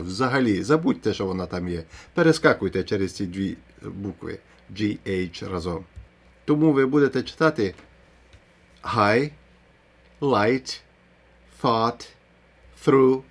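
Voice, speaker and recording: A man teaching an English pronunciation lesson, explaining the rules step by step and pronouncing English example words. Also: on the low side. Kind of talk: video lesson.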